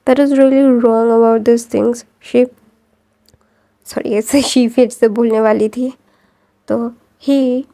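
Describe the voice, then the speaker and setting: A hoarse woman casually retelling a fan fiction story, rambling with many fillers and restarts. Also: sits high, mellow.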